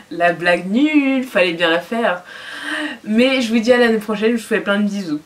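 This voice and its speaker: A woman's voice: medium pitch, a little slow. Chatty, enthusiastic young woman vlogger. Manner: enthusiastic, chatty, with frequent fillers. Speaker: fashion and beauty vlogger. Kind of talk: casual haul video chat.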